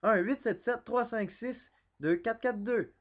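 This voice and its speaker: A man's voice: high voice, unhurried. A man playing an insistent infomercial announcer pushing a phone offer. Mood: urgent selling. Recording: tinny phone-like band-limited sound.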